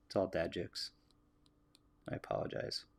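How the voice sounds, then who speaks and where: An American man livestreaming as he draws, musing aloud in a relaxed way and chatting with his viewers. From United States. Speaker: artist livestreaming a drawing. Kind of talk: casual livestream commentary while drawing.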